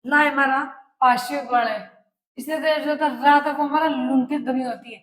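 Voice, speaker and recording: A woman teacher giving a lesson, repeating each phrase slowly for students to write down and answering her own questions. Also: high-pitched, steady tone. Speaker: Hindi teacher. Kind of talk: classroom lesson, dictating notes. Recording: echoey room.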